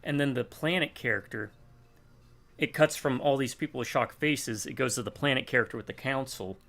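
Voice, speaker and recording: A co-op gamer with a medium-pitched, slightly bright voice talks a little fast as he plays. He chats casually, rambling through a long story and acting out bits of dialogue.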